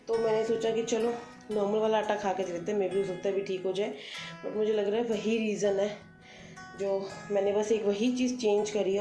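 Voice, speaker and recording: A woman in her thirties, a homemaker, chatting casually through her day at home, thinking aloud and mixing in English words. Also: mid-range voice. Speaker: homemaker vlogger. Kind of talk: casual daily vlog narration. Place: home kitchen. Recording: echoey room with background music.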